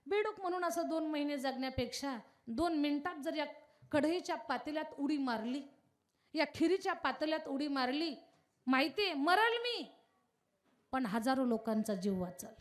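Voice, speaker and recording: A woman's voice: high voice, animated, moderate pace. A woman doing a pleading, selfless male frog. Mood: anguished resolve. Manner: pleading, earnest. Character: brave pitiful male frog, anxious and selfless.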